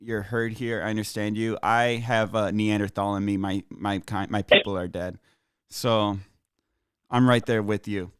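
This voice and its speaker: A man's voice: lowish voice, fairly even intonation, unhurried, smooth, no echo, studio quality. A man hosting a podcast, talking in casual discussion, earnest with joking asides. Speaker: podcast host.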